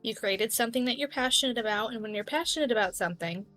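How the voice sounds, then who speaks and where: Young woman guest, rambly casual chat, slightly high voice, faint music. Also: fast, fairly bright tone. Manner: rambling, filler-heavy. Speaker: guest club owner.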